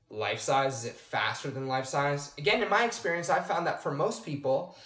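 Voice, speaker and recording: Speaking in a slightly high voice, a male personal development coach calmly explains things to camera in an echoey room. He checks in with the viewer directly by asking "okay?".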